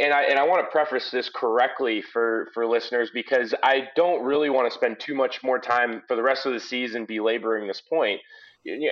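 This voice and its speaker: A man hosts a post-game sports podcast in a conversational, emphatic way with folksy turns of phrase. His voice sits at a medium pitch. He is using headphones as his microphone, so the sound is dull and low-grade. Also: fairly bright tone. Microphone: headphones used as microphone.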